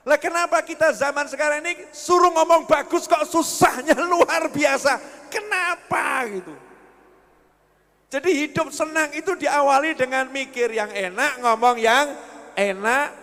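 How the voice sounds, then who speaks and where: A man with a high voice delivers a sermon to a gathered congregation. He jokes and keeps quizzing his listeners. His voice rings out with a long echo through the hall. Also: steady tone, normal speed, pushed and bright. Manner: jokey, quizzes the audience. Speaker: preacher. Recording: echoey hall with long reverb.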